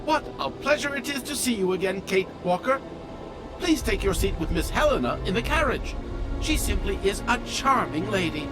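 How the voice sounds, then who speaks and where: High-voiced, fussy robot. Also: male voice, rough recording. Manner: formal, precise, officious. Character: fussy, polite mechanical robot train driver, officious. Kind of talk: video game voice acting.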